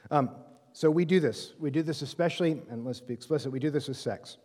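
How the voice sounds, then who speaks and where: Mellow-voiced man teaching in a reverberant hall. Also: on the high side, brisk. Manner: conversational, checks in with "right?" and "okay?"; frequent "um" fillers and self-corrections. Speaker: Bible study teacher. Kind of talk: classroom lecture. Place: reverberant room with a live group. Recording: long room reverb.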